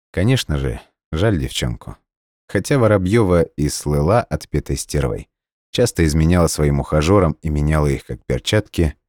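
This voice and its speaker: Deep bassy guy reading an audiobook, calm but lively delivery. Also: no echo, clean studio sound. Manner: calm, even storytelling with soft-spoken dialogue. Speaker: audiobook narrator. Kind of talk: scripted narration.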